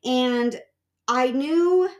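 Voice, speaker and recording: A woman's voice: sits high, extremely slow, highs cut off. A young woman hosting her own podcast, talking in a casual, chatty and upbeat way straight to her listeners. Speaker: podcast host. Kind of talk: casual solo podcast talk.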